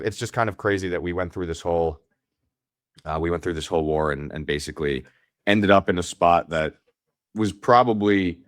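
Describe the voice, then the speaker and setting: Man, podcast co-host, low voice, dry close recording, enthusiastic, stumbles over repeated words. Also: no room sound. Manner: enthusiastic, repeats words when starting thoughts. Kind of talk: casual chat.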